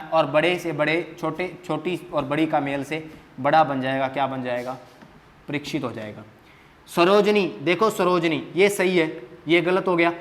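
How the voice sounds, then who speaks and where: High-voiced man teaching at a board. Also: a bit bright, big-room sound. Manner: asks questions and answers them himself; repeats key words, emphatic. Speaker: Hindi teacher. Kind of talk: exam answer key lesson at a board.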